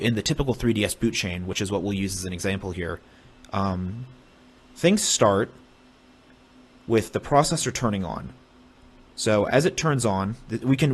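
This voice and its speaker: Man, young adult, lowish voice, casual technical stream talk, halting, restarts. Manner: halting, many fillers and restarts while drawing. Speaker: streamer explaining hardware hacking.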